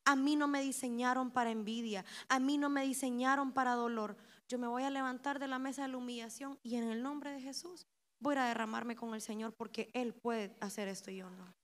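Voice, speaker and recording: A young woman with a Honduran Spanish accent preaching a sermon at a women's conference, impassioned and climbing to loud emotional peaks. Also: a little high, fairly even intonation, brisk.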